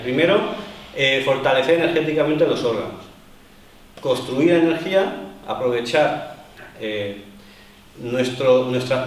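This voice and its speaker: A man teaching an online martial arts seminar, explaining step by step, often restarting phrases and filling pauses with "eh". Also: medium pitch. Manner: explanatory, restarts mid-phrase, many filler "eh"s. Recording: very echoey room, distant mic.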